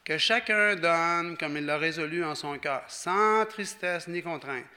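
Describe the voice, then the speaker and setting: A man with a Quebec French accent preaching a conversational, animated sermon and acting out the people he quotes. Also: on the high side, unhurried. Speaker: pastor.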